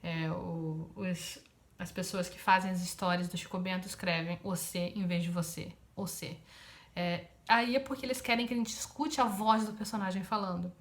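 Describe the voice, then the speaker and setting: A woman from Rio de Janeiro with a Carioca Brazilian Portuguese accent, explaining a language point in a casual lesson, pausing often with fillers. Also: lowish voice, fairly even intonation. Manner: hesitant, many filler pauses. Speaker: Japanese teacher.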